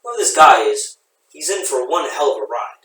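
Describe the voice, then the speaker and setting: Mancuso, a man doing a gruff sub captain. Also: medium pitch, big pitch swings, normal speed, fairly bright tone. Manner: brusque, commanding. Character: tough male submarine captain, gruff. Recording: echoey room, voice from a distance.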